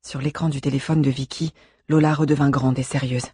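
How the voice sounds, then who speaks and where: A man narrating an audiobook in a measured, steady reading. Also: medium pitch, breathy edge, no room sound, studio quality. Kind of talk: scripted narration.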